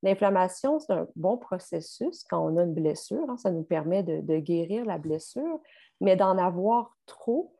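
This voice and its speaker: A woman's voice: fairly low pitch, measured pace, vocal fry. A woman with a Québécois French accent, explaining sleep science as a guest in a podcast conversation, with frequent fillers. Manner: explanatory, steady, many fillers.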